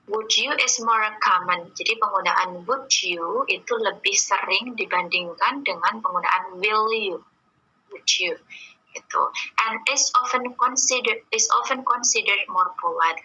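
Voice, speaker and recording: A woman teaching an online English class, slowly reading out examples and patiently explaining them. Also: medium pitch, pushed and bright, breathy edge, poor audio. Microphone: video call or computer mic.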